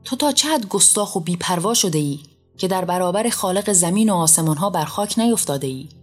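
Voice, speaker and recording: Woman doing a furious almighty god, shouting, commanding, raised pitch, storybook reading. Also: lively intonation, slightly rough, faint music behind. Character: wrathful almighty male deity on a throne.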